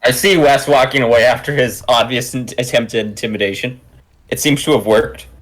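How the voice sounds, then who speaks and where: A man describing his character's actions in a tabletop game, deliberate and matter-of-fact. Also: medium pitch, fairly bright tone, low-quality recording. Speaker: player. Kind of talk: casual tabletop game narration.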